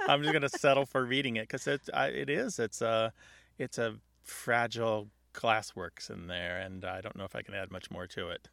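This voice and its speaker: A man's voice: fairly low pitch, lively intonation, moderate pace, creaky, a bit bright, dry recording. A man in his fifties co-hosting a radio show about language, chatty and knowledgeable, laughing easily. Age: 50s.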